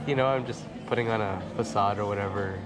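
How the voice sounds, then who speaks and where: Speaking quickly in a lowish voice, this guest is a man in his twenties from suburban Chicago living as an expat in the Philippines. He chats casually, explaining and repeating phrases to stress them, with an American accent. A clip-on mic records him in a big, bright lounge with tall windows while music plays.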